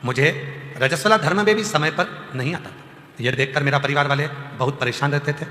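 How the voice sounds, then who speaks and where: A man giving a devotional sermon, telling the story with lively, acted-out voices and loud bursts of emphasis to a gathered congregation. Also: on the high side, fairly quick. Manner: animated, acts out characters, rising to loud exclamations. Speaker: kathavachak preacher. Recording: echoey hall with music behind.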